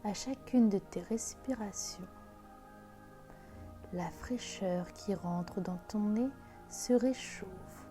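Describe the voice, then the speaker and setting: A woman leads a guided relaxation very slowly, in a mellow and hushed voice close to the ear. Her delivery is soft and intimate, often breathy, with music playing behind her. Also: medium pitch. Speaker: sophrology guide.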